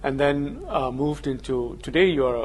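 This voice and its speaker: A man's voice: mid-range voice, animated, moderate pace. A man interviewing a business leader, asking long, probing questions with frequent restarts.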